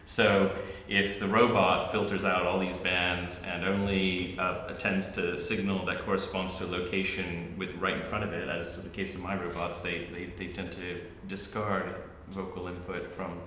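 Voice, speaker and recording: On an academic panel in a university arts centre hall, a man with a low voice and a bright, forceful edge thinks aloud, restarting sentences and filling pauses. His pitch moves little, and his voice rings through the roomy hall with a long reverb tail, faint ambience and slight background noise.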